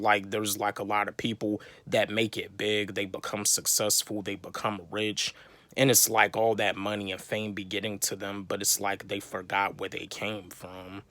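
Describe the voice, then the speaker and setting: A young man from North Carolina vlogs a rambling motivational talk to camera, packed with repeats, fillers and restarts. His lowish voice is pushed and bright, with no room sound.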